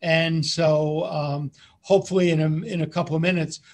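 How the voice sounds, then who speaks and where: A middle-aged man, a priest, hosting a radio interview in a halting way, with many fillers and repeated words. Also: a little high, fairly even intonation, darkish tone. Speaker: radio show host, priest.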